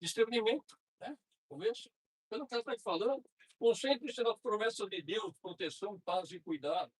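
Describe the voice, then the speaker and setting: A middle-aged Brazilian man lecturing at a spiritist center in a conversational way, slowing down to read prayers aloud. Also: high voice, husky, poor audio. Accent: Brazilian Portuguese. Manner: conversational, frequent tag questions, slows to read prayers. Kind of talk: informal spiritist talk.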